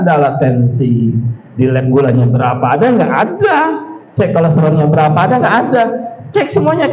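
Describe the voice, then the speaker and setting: A man with a somewhat high but mellow voice addresses a gathered crowd, constantly asking them questions and jumping up in pitch to drive his points home. He sounds like a religious teacher giving a community health talk. The recording is roomy and dull, with a lo-fi edge. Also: a little hiss or hum. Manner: animated, fires rhetorical questions at the crowd; pitch leaps high for emphasis. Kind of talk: public address to villagers.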